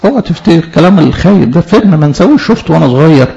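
A man with an Egyptian Arabic accent preaching a sermon, lively, asking rhetorical questions and often laughing. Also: on the high side, racing, creaky. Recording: dull lo-fi sound.

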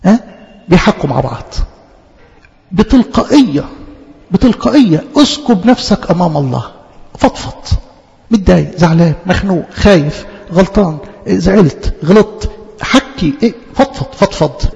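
A man's voice: high-pitched, lively intonation, normal speed, gravelly, darkish tone, in a large hall, highs cut off. A man with an Egyptian accent preaching a conversational sermon, speaking straight to the congregation and repeating key words.

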